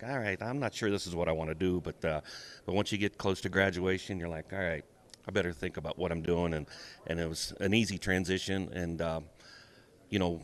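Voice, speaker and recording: A middle-aged man with an American accent, talking casually in an interview in a plain-spoken, folksy way. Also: low voice. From small-town southeastern Ohio, USA. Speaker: auctioneer, interview guest.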